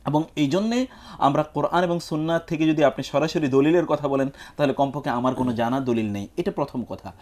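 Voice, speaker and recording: A man with a fairly high voice explains religious rulings in a measured, teacherly way. He recites Arabic phrases and builds his points step by step, as a scholar answering on a studio question-and-answer program. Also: darkish tone. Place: television studio.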